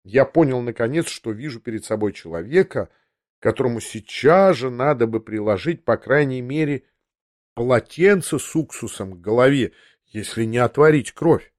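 A man reads a classic novel aloud in a measured, literary first-person narration. The sound is dry and close on the mic, with no room around him, and his voice sits at an ordinary middle pitch for a man. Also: animated, darkish tone, dry recording. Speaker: audiobook narrator.

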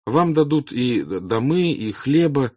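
An anxious young noblewoman pleads in a high, strained, raised voice, as a male reader puts her on. She sounds earnest and urgent, with slow, emphatic stresses. The audiobook recording is dull and dry, with no room sound. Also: very animated, darkish tone, dry recording. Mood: earnest pleading. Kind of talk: audiobook character reading.

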